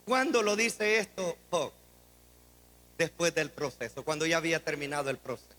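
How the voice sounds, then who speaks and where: A man preaching a dramatic sermon as pastor, swinging between shouts and quiet asides. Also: on the high side, a little slow. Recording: long hall reverb.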